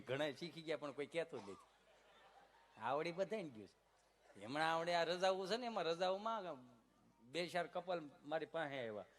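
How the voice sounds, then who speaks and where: A man's voice: a little high, lively intonation, a bit bright. A man with a Kathiawadi Gujarati accent telling folk stand-up comedy stories in a chatty way, often slipping into voices. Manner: chatty, storytelling, quick to slip into voices.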